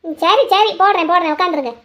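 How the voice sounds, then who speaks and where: A woman's voice: very high-pitched, very fast, fairly bright tone. A woman voicing a strict, gossipy middle-aged mother in a cartoon. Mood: complaining. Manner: complaining, gossipy.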